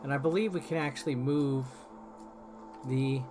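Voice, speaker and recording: A man with a medium-pitched voice talks at a moderate pace, hosting a video with loose, rambling gameplay commentary and walking through things step by step. Game music plays behind him.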